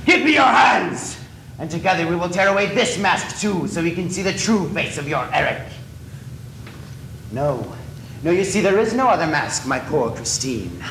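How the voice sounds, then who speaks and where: A man playing a disfigured masked man, obsessive and possessive, in a stage play, swinging from soft pleading to shouting rage. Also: on the high side. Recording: echoey stage from a distance, faint noise.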